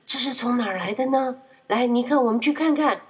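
A woman's voice: mid-range voice, normal speed, husky. A woman voicing a proud, quarrelsome young boy in a children's story, raising her voice when he gets upset. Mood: childlike. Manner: excitable, shouts when upset.

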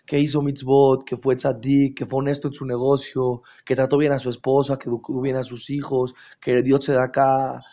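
A man giving a Torah class as a religious teacher, animated and rhetorical, often checking that his listeners follow. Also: medium pitch, normal speed, few pauses, muffled recording.

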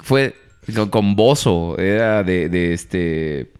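A man's voice: low voice, animated, slow pace, darkish tone, smooth. A man with a Mexican accent co-hosting a podcast in casual chat, telling jokes and laughing often. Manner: joking storyteller, laughs often. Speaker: podcast co-host.

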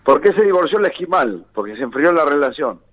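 A man's voice: a little high, big pitch swings, a little fast, a bit bright. A man with an Argentine accent, a comedian guest telling short jokes one after another and laughing along. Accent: Argentine Spanish. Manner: punchy, laughs at own jokes. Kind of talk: rapid-fire joke telling.

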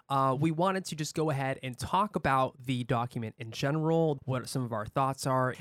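A man's voice: mid-range voice, no room sound. Chatty male podcast co-host, dry sound. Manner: chatty, laughs often, frequent fillers and restarts. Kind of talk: casual podcast chat.

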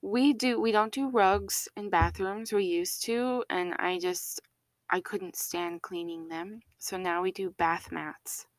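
A woman's voice: mid-range voice, fairly even intonation, slow, no echo. A woman co-hosting a podcast in casual chat, talking chattily with laughs and playful drops to a whisper. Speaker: podcast co-host.

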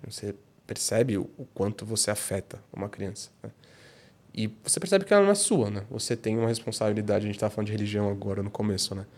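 A man's voice: fairly low pitch, fast talker, darkish tone. A Brazilian man guesting on a podcast, earnestly telling stories about being a father and often ending phrases with a questioning tag. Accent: Brazilian Portuguese. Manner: earnest storytelling, frequent "né?" tags. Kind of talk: casual conversation.

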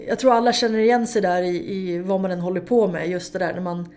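A woman, a guest in an interview, telling lively stories about racing her car, swearing freely and laughing along the way. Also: medium pitch. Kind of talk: casual interview storytelling.

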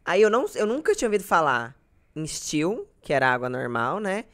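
A woman's voice: sits low, big pitch swings, a little fast, a bit bright. A young woman from Brazil, chatting casually as a podcast guest and telling self-deprecating stories. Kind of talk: casual chat.

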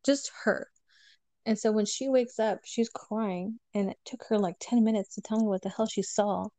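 A woman speaks in a warm, relaxed register, recounting a personal story to a podcast host. She animates quoted dialogue as she goes, and the recording is dry and close with no room sound. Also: mid-range voice, normal speed, dry recording. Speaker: guest telling a personal story. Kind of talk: casual podcast chat.

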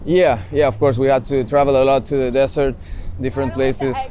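Chilean man speaking relaxed English. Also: mid-range voice, brisk, a crowd in the background. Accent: Chilean Spanish. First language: Spanish. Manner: relaxed, searches for English words. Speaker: startup founder, interview guest. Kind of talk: casual interview answers. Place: outdoors in a city with traffic nearby.

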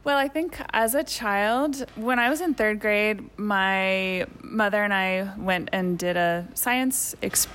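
A middle-aged woman from Virginia, an educator answering interview questions in a reflective, measured way. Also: mid-range voice, fairly bright tone, slight background noise. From Virginia, USA. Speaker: course coordinator and educator.

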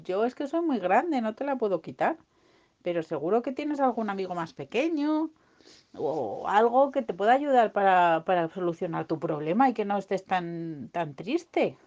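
A woman voicing a huge, calm female goat-dinosaur in a bedtime story, reasoning gently. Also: mid-range voice, normal speed, close to an everyday voice. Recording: dull lo-fi recording.

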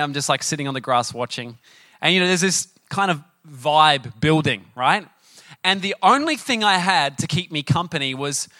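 Chatty male preacher, bright voice. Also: fairly high pitch, no echo. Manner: chatty, animated, often asks the audience questions. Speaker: pastor. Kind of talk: sermon with personal storytelling.

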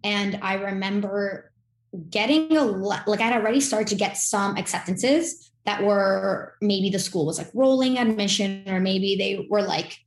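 A woman's voice: medium pitch, unhurried, echoey room. A young woman from Miami, chatting as an interview guest in a rambling way with lots of fillers. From Miami, Florida. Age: young adult. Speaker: guest, incoming podcast host. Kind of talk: casual interview chat.

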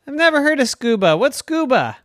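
A man voicing a worried, fussy father unicorn who talks high and sounds alarmed and doubtful. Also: sing-song, brisk, a bit bright, dry recording, studio quality, heavily acted. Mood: fretful.

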